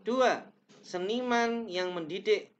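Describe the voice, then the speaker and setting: Reading his slides aloud with careful pacing and the odd self-correction, a young man teaches a class from a small indoor room. He speaks slowly in a high voice, captured in dull, lo-fi webcam audio.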